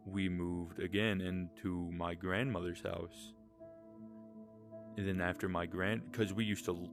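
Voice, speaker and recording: A man's voice: low voice, vocal fry. A young man with a Southern American accent, rambling candidly in a casual late-night podcast chat and swearing freely. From Southern United States. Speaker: podcast co-host.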